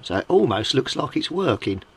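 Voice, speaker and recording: Very animated and husky, this British man speaks at a moderate pace in a medium pitch. The hobbyist is indoors at a home workbench, handling equipment and thinking aloud in a casual vlog that explains his repair work informally.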